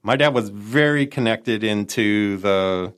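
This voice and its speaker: Lowish, clear, and resonant with a fairly bright tone, this man talks slowly. He's a middle-aged nonprofit entrepreneur advisor from Minot, North Dakota, with a nasal Chicago accent, appearing as a guest in a casual interview full of folksy tangents and self-corrections.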